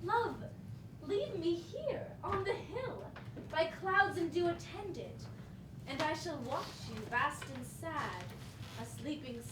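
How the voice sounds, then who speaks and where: A wistful young woman in love recites poetry in a high, lilting voice, played by an actress on stage. Her lines swoop widely in pitch. The recording is echoey and distant, with clear room noise. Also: lively intonation, slow, full character voice. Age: young adult. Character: young woman lover, lyrical and longing. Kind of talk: stage play acting. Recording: echoey noisy stage from far off.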